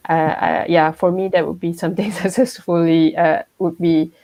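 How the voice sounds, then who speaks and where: A woman's voice: lowish voice, little pitch movement, normal speed, dark tone, no echo, low-quality recording. A woman from Malaysia who has a young child, sharing her views in a casual group discussion, with many fillers and restarts. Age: adult with a child. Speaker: workshop participant.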